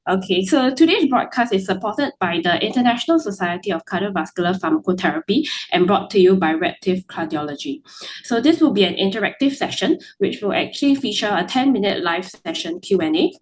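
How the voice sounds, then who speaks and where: A woman's voice: medium pitch, expressive, fairly quick, hardly any pauses, poor audio. A woman moderating a webinar, reading formal introductions and tripping over names.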